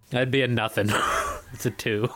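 Deadpan man at a game table. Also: mid-range voice, slow pace. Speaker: player. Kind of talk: casual tabletop play.

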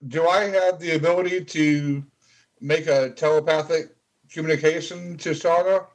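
A man's voice: on the high side, steady tone, moderate pace, low-quality recording. A man playing a tabletop game, giving short, easygoing replies. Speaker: player. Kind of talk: casual tabletop chat.

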